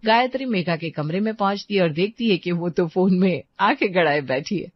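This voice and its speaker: A woman narrating a scripted cartoon story in a calm storytelling manner. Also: lowish voice, fairly quick, no echo. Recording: dry, slightly dull lo-fi sound.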